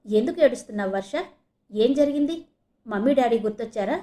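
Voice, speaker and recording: A woman narrator voicing a gentle but firm female hostel warden giving advice. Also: on the high side, fairly quick, natural voice. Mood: advising. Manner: soft, advising.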